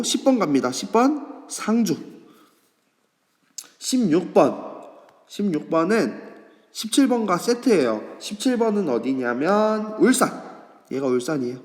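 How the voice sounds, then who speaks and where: Lively Korean man teaching in a reverberant room. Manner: friendly, asks students questions and answers them himself; acts out students' questions in a higher voice. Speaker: high school history teacher. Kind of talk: online class lecture to students. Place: classroom or office, recording an online lesson.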